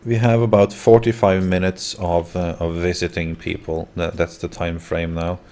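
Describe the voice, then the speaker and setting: Guy hosting a stream, really low voice with lots of fry, casual talk. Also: little pitch movement, normal speed, darkish tone. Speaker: livestream host. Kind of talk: casual livestream chat.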